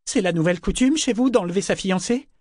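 A distraught young woman who cries out in high, strained bursts, her voice jumping well above the reader's own, as a man reads her part. It is a close, dry audiobook recording. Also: lively intonation, unhurried, darkish tone, dry recording. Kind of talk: audiobook character voice.

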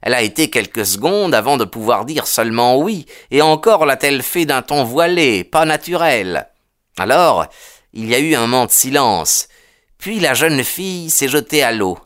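An expressive audiobook reader narrating a detective story. The voice sits at a mid pitch and moves through lively, animated intonation. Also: normal speed.

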